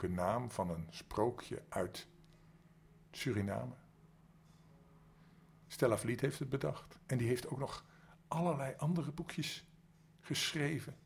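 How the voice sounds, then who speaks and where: An older man reading a bedtime story aloud to his grandchildren in a lively manner. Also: medium pitch, gravelly, a little hiss or hum.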